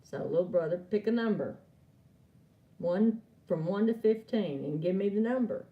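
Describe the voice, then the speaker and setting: A woman's voice: mid-range voice, lively intonation, normal speed, lo-fi sound. Chatty woman giving a card reading. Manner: chatty, laughs often, talks to viewers by name. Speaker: oracle card reader. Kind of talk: live stream chat with viewers. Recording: echoey room, far from mic.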